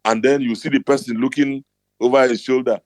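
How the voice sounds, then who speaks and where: A man's voice: mid-range voice, steady tone, a little fast, no echo. A middle-aged man with a Nigerian accent, hosting a motivational talk and telling his stories bluntly and emphatically. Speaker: host.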